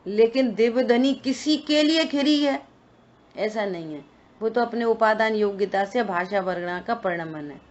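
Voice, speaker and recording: A woman's voice: a little high, normal speed. A woman teaching a scripture study session, explaining points and answering her own questions. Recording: dull lo-fi recording.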